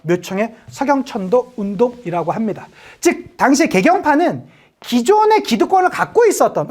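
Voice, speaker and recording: A woman's voice: on the high side, a little mellow. A woman teaching an exam-prep history lecture, chatty and joking, often acting out little quotes.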